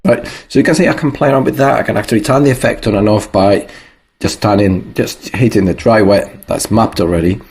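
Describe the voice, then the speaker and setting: A man's voice: lowish voice, fairly quick, vocal fry, a little mellow. A man talking through a music production tutorial in a loose, thinking-aloud way, with plenty of fillers. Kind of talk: casual screen-recorded tutorial.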